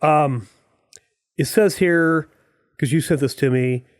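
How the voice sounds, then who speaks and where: Podcast host dude in his 40s, friendly and affirming, bit of a higher voice, dry close mic. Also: slow, dry recording. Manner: friendly, affirming, faith-talk asides. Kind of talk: casual interview chat.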